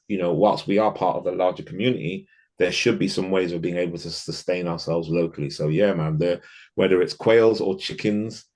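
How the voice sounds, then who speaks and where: A man's voice: low voice, darkish tone. A man from the UK, a podcast guest talking in a casual interview, reflective and thinking aloud with frequent restarts.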